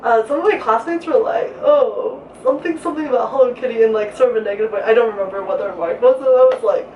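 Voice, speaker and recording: A woman's voice: fairly high pitch, quick pace, slight background noise. A young woman from Malaysia chatting casually as a vlogger, laughing often and saying "like" a lot. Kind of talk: casual chat. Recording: roomy sound from a distant mic, slightly dull.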